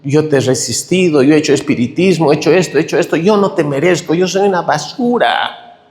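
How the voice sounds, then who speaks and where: A middle-aged man preaching a tearful, animated testimony sermon in a church hall. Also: on the high side, fairly quick. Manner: emotional, tearful, animated storytelling. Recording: echoey hall reverb.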